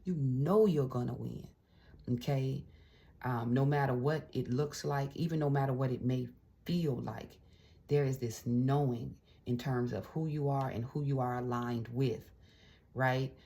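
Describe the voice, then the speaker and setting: A woman's voice: extremely low pitch, steady tone, a little slow, creaky, mellow. A woman tarot reader giving a casual, encouraging reading straight to camera. She talks in a chatty way, often adding little check-ins and fillers, and keeps an uplifting spiritual tone. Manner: spiritual, uplifting pep-talk tone.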